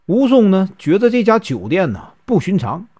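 Lively Northeastern storyteller man. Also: high-pitched, breathy edge. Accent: Northeastern Mandarin. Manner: chatty, with many drawn-out fillers. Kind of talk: casual storytelling.

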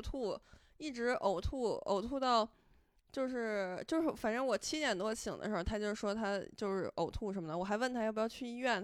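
A woman's voice: on the high side, no room sound, studio quality. A woman podcast host, telling a story in casual chat and laughing as she goes.

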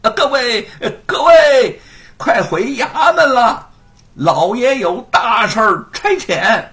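A man's voice: fairly high pitch, big pitch swings, normal speed, a bit bright. A man doing a breathless, stammering county clerk. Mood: urgent. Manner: urgent, stammering.

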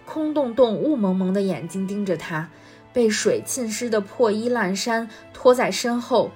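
A woman reading a storybook chapter aloud in a steady, expressive voice. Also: medium pitch, measured pace, soft background music. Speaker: guest reader.

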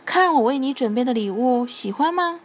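A woman's voice: high voice, lively intonation, moderate pace, a little hiss or hum. A kindly old storybook Santa who calls out heartily and grumbles under his breath. A woman voices him without much disguise. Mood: proud.

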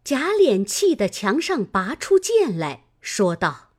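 Expressive woman narrating a classic novel. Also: fairly high pitch, slow pace. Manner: expressive, dramatic storytelling. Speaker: audiobook narrator.

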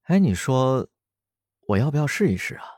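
Man doing an excitable young woman, flustered, jumpy pitch, storybook. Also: moderate pace, no room sound, clean studio sound. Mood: excited.

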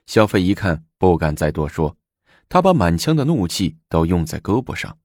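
A man narrating a historical story in a lively, expressive storytelling style. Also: low voice, normal speed, no room sound, clean studio sound.

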